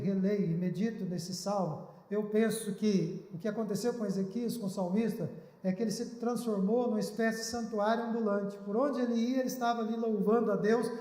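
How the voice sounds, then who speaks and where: A male pastor preaching a sermon in an earnest, pleading way, recorded in a church. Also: high-pitched. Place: church hall. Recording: echoey church hall.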